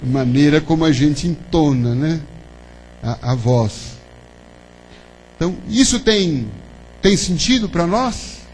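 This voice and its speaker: A man's voice: on the high side, animated, slow, long pauses, darkish tone, low-quality recording. Man giving a chatty spiritist talk. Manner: conversational, asks the audience questions, many tag "né?". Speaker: spiritist lecturer. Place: lecture hall of a spiritist center. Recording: faint hum behind the talk.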